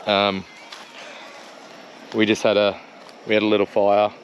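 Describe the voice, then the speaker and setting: A man's voice: lowish voice, monotone, unhurried, lo-fi sound. A man in easygoing, chatty vlog talk at an outdoor bush campsite. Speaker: travel vlogger. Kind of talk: casual vlog chat. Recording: noisy outdoor camp recording.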